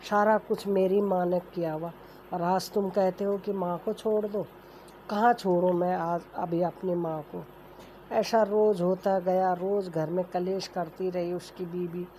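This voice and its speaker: Storyteller: woman, low warm voice, homely folk-tale telling, faint hiss behind. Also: rough recording. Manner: plain homely telling, voices characters lightly without changing voice. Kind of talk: casual oral storytelling. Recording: faint background noise.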